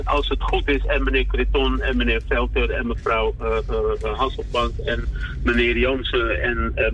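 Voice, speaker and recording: A man phoning in to a radio show, heard over a telephone line, talking haltingly with many fillers and restarts. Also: medium pitch, fairly bright tone. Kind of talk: call-in radio conversation. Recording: muffled phone-line audio.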